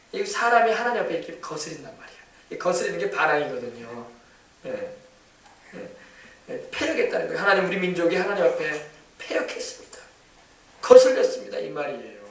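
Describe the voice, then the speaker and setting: A man's voice: high voice, a bit bright, echoey room, recorded from a distance. A male pastor preaching a sermon in a conversational way, acting out what parents and children would say. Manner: conversational preaching with acted-out family quotes. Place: church sanctuary.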